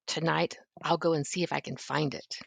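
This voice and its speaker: A woman's voice: low-pitched, steady tone, normal speed, gravelly, dry recording, full character voice. An older woman voicing a small, innocent, wondering toy bear in a grandmotherly storybook reading.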